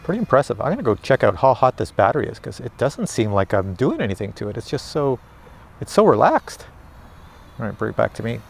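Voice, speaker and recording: Excitable man with lively pitch. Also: quick pace, gravelly. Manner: chatty, excitable, talks to viewers. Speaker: drone reviewer. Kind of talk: casual live commentary while flying. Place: outdoors.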